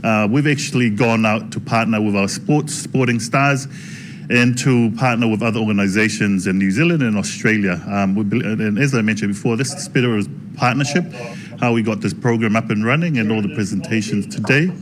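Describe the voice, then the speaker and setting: A man speaking informally to a gathering as a presenter, in a halting way with repeated phrases. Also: fairly low pitch, a little hiss or hum. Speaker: tourism authority presenter introducing speakers. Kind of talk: informal public address at a launch event. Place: conference room.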